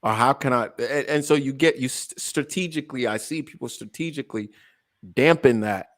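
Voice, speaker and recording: A man's voice: medium pitch, fairly quick. Joking, stammering man in his late twenties. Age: late 20s. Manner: animated and joking, stammers and restarts, laughs often. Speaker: podcast co-host. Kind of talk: casual chat.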